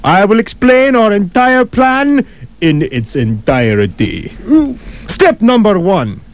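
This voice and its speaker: A smug, menacing vegetable overlord from a comedy radio play. He gloats and savors every word, his pitch swinging widely from high to low. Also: sing-song, slow pace, exaggerated voice. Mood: gloating. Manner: smug, gloating villain drawl. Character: sinister male corn villain leader, smug and menacing.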